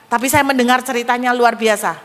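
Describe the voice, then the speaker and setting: A woman pastor preaching a sermon, telling stories that swing between emphatic and hushed, in a church hall with a long reverb. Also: fairly high pitch, steady tone, fast.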